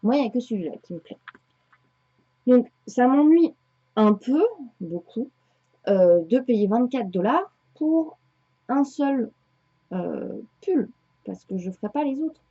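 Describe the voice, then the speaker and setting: Husky, rambling woman podcaster. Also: a little high, lively intonation, takes it slowly, long pauses. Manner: chatty, rambling, many hesitations. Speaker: knitting podcaster. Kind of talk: casual chat to viewers. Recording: dull lo-fi home recording.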